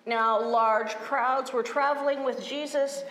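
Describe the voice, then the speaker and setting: A woman pastor reading liturgy and scripture in a steady, formal voice, heard in an echoing church sanctuary. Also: high voice, slow pace. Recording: echoey church sanctuary, faint room noise.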